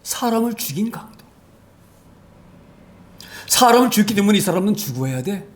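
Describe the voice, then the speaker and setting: A male pastor preaching a sermon emphatically, with rhetorical questions and hallelujahs, his loudness rising and falling sharply. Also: high voice, sing-song, normal speed.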